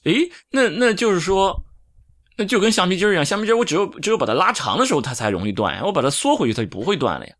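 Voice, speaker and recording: Guy co-host, quick talker, plain-spoken casual chat, dry close sound. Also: sits high, big pitch swings, fairly bright tone, no room sound. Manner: plain-spoken, colloquial, reacting and rephrasing. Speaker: co-host, layman asking questions.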